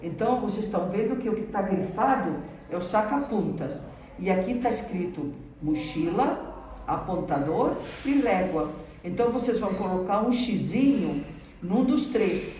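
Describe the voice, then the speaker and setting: A Brazilian woman, accented in Brazilian Portuguese, patiently explains each word of a school lesson and checks in with the class after every point. Her medium-pitched voice has lively intonation, normal speed and a dark tone, and it sounds distant, with roomy echo and faint background noise.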